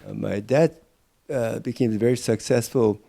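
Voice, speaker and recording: An older man from Peru, explaining history thoughtfully in an oral history interview, pausing often with fillers. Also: mid-range voice, creaky, dark tone.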